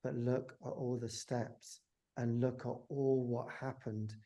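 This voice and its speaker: Reflective man with a gravelly voice. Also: mid-range voice, flat delivery, slow, mellow. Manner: reflective, loose storytelling. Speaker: podcast guest. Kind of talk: conversational interview.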